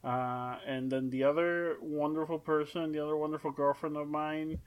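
A woman's voice: low voice, little pitch movement, normal speed. A young adult woman co-hosting a podcast, chatting casually in a rambling, filler-heavy way that often breaks off mid-thought. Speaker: podcast co-host. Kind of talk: casual chat.

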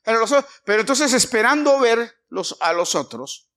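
Mexican preacher telling a Bible story. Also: male voice, very high-pitched, expressive. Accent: Mexican Spanish. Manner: storytelling with many pauses, swings from hushed to loud. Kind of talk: sermon.

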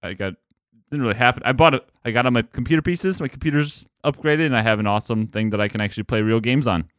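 A man's voice: mid-range voice, quick pace, fairly bright tone, no echo, clean studio sound. A young man co-hosting a podcast, trading jokes in casual banter. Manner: joking banter. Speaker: podcast co-host. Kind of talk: casual chat.

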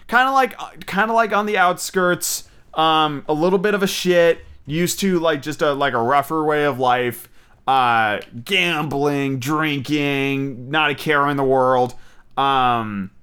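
Man, podcast host, bright tense tone, crisp smooth voice, rambling, swears a lot, eager fan. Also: a little high, a little slow. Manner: rambling, frequent fillers and restarts, swears casually; enthusiastic fan. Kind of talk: casual solo podcast commentary.

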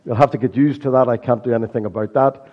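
A man with an Irish accent and a croaky, hoarse voice from a sore throat, preaching a sermon in a deliberate, measured way. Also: mid-range voice, fairly even intonation. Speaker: visiting preacher. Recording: dull, muffled lo-fi recording.

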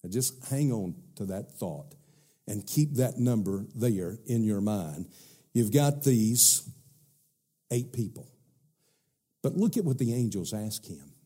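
A man's voice: medium pitch, warm tone, husky. A middle-aged man with a Southern US accent preaching a sermon in an emphatic, conversational way, with rhetorical questions and repetition.

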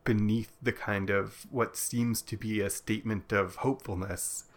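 A man co-hosting a casual chat show, reflective and thoughtful, growing animated when he retells scenes. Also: fairly low pitch, normal speed. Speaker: podcast co-host.

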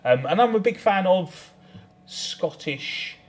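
A man's voice: high voice, expressive, slow pace. A British man co-hosting a podcast, chatting casually and explaining things with discursive enthusiasm. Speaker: podcast co-host. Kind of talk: casual chat.

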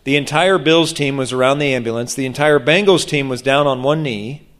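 A man preaching about prayer, telling a story with animated acted-out voices. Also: medium pitch, brisk. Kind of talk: sermon on prayer.

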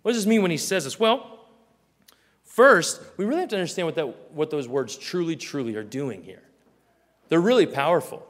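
A male pastor preaching a sermon earnestly, acting out small scenes in a quieter voice. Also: on the high side, expressive, normal speed, big-room sound.

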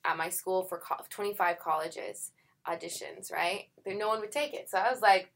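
A woman's voice: lowish voice, steady tone, normal speed, a bit bright. A young adult actress, chatty and full of filler words, who acts out her own past thoughts while telling her story in an interview. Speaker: actress guest. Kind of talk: casual conversational interview.

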